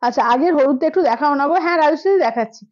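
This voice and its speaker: A hoarse woman with a cold, selling sarees on a live stream in a brisk, repetitive sales pitch. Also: a little mellow, no echo, highs cut off. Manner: brisk, repeats prices, keeps asking "okay?".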